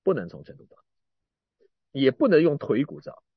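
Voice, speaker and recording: A man preaching a sermon, animated, often repeating and restarting words and swinging from emphatic to quiet. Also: fairly high pitch, moderate pace, husky, no room sound, highs cut off.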